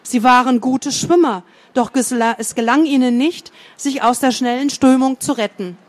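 A woman reading a storybook aloud in a calm, steady way, with occasional small slips. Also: high-pitched, normal speed. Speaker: narrator.

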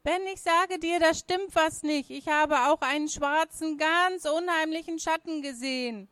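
A woman doing a high, urgent frightened young girl. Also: unhurried, fairly bright tone, dry recording, clean studio sound.

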